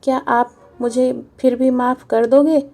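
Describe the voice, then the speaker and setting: Harsh scornful young mother, sharp scolding tone, woman narrator voicing her, mellow higher voice. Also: steady tone, a little slow. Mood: ashamed. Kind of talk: storybook narration.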